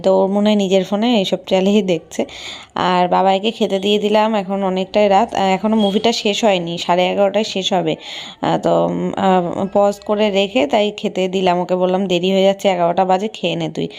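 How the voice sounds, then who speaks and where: A woman's voice: medium pitch, steady tone, brisk, vocal fry, darkish tone. A middle-aged woman chatting casually in a home vlog, rambling with many fillers, recorded on a phone camera at home. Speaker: vlogger. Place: home kitchen and bedroom.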